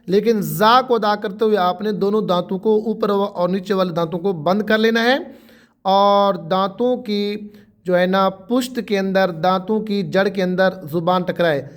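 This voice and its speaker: High smooth-voiced male tajweed teacher. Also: fairly even intonation. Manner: drawn-out letter sounds for pupils to repeat; patient step-by-step explanation. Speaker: Quran recitation teacher. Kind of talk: tajweed lesson.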